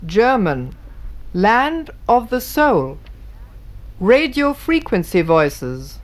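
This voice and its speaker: A woman's voice: on the high side, big pitch swings, very slow, a little hiss or hum. A woman giving formal, scripted narration, reading carefully and precisely.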